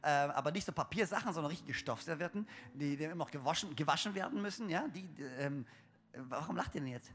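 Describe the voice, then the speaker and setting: In a church hall with long reverb, a young pastor gives a humorous sermon to his congregation in a slightly bright voice on the high side, at a quick pace. He's chatty and joking, with lots of fillers and restarts.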